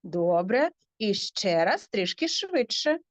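Slow sing-song woman teaching phonics. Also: medium pitch, big pitch swings, no echo. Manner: drawn-out words, rising questions to the children. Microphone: video call.

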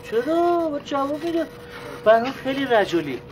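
An actor playing a fast-talking, flustered man who pleads and bargains his way out of trouble in a TV sitcom. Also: very high-pitched, big pitch swings, over music, low-quality recording. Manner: wheedling, pleading, talks himself out of trouble. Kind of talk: TV sitcom acting.

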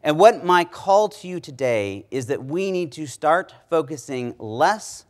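Middle-aged guy giving a keynote on a big stage, punchy delivery, drops his voice low on the key words. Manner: emphatic, with wide swings in pitch and loudness, dropping low at key words. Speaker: keynote speaker. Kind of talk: conference keynote speech. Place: large conference stage. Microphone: lapel mic.

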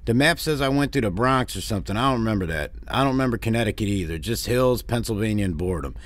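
A man's voice: on the low side, expressive, fast talker, a bit bright. A man from Detroit narrating a family road-trip vlog in a plainspoken, wry way, with dry complaints. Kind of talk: narrated travel recap.

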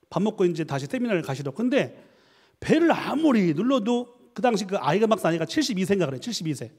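A middle-aged man teaching church leaders, animated, acting out quoted spouses with sudden outbursts. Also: high-pitched, husky, in a large hall. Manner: animated, acts out quoted spouses with shouts and mock voices. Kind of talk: lecture to a church group.

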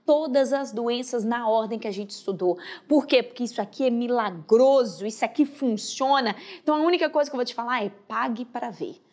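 A woman's voice: a little high, brisk, hardly any pauses, a little mellow. A woman teaching a biology exam-prep class, chanting mnemonics and coaxing the class to repeat after her. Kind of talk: energetic exam-prep lesson.

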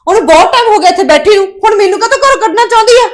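A woman's voice: very high voice, expressive. An actress playing a defiant young unmarried daughter who argues sharply with her mother. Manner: defiant, quick arguing. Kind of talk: Punjabi family drama acting.

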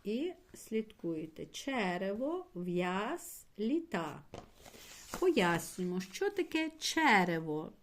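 A woman teacher talks her young pupils through a language lesson at an unhurried, deliberate pace. Her voice sits at an ordinary middle pitch, and she stretches words into syllables as she explains. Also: very animated. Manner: slow, patient explaining, addressing pupils directly. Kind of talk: primary school language lesson.

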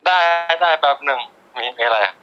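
A man's voice: mid-range voice, brisk, a little hiss or hum. A teenage boy chatting on a phone call, hesitant and stammering. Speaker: friend on the call. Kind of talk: casual phone chat.

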